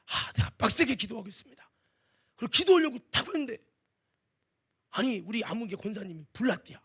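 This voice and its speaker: A male pastor giving a sermon, swinging between loud exclaiming and quiet musing, sometimes singing lines of a hymn. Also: extremely high pitch, gravelly, slightly rough. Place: church sanctuary.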